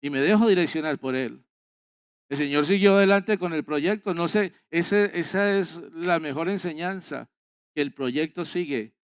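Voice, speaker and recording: A man's voice: a little high, moderate pace, clean tone, dry recording, clean studio sound. A man preaching a sermon as pastor at a church service, earnest and exhorting, repeating phrases for emphasis.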